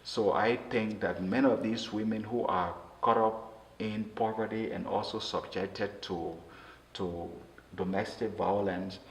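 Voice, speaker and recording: Earnest man, low voice. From Liberia. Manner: earnest, with many halting restarts. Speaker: interview guest. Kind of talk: earnest interview talk. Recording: roomy echo with faint noise.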